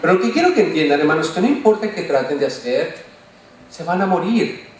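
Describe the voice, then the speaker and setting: A man preaching as a pastor, animated, often asking the congregation questions and joking. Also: on the high side, a little fast. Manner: playful, jokes and mimics voices. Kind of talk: sermon. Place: church sanctuary. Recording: echoey church from far off.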